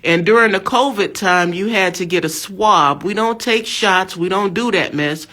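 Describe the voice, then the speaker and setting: Bright and forceful, her mid-range voice moves at a normal speed. She is a woman from the USA in her fifties, preaching fervently through a religious testimony, urging listeners emphatically and repeating herself.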